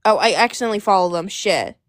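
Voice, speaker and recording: A woman's voice: mid-range voice, quick pace, no room sound. A woman hosting a live stream, chatting in a bubbly, playful way. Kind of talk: casual banter.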